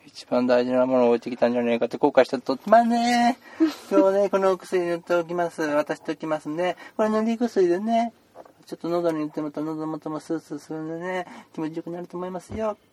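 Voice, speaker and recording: A man's voice: a little high, fast, darkish tone, natural voice. A man playing a chatty male doctor who rambles with puns and mock-stern scolding, in an improvised comedy role-play. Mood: playful. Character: chatty joking male doctor seeing patients.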